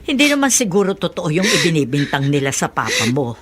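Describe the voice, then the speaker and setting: A woman's voice: deep voice, big pitch swings, fast talker, fairly bright tone, breathy edge, exaggerated voice. An actress playing a caring grandmother who soothes and lectures her grandson in a radio drama. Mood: comforting. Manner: soothing, scolding lightly. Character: gentle older grandmother giving advice. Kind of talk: Filipino radio drama acting.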